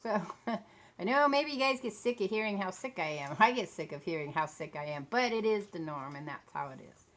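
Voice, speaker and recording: A woman's voice: medium pitch, animated, brisk, a bit bright. A woman in her late fifties chatting casually and rambling for a vlog, tired, with a sore throat and speech slightly affected by a swollen lip. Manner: talking a bit funny from a swollen mouth. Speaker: vlogger talking about books and authors.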